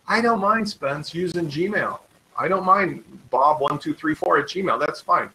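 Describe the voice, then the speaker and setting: A man's voice: a little high, a little slow, bright, forceful tone, slight background noise, pitched above the performer's own voice, poor audio. A man mimicking a stubborn, old-fashioned male client who refuses to change his email habits, in a raised, smug tone.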